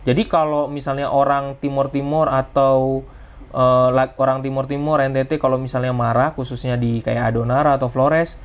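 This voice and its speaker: A man's voice: medium pitch, little pitch movement, moderate pace, smooth. A man teaching a class live over a video call, with a mid-range voice. He talks casually and often stops and restarts his sentences. The audio sounds dull and lo-fi. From Indonesia. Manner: casual, conversational teaching with frequent fillers and restarts. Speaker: lecturer. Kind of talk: live online lecture.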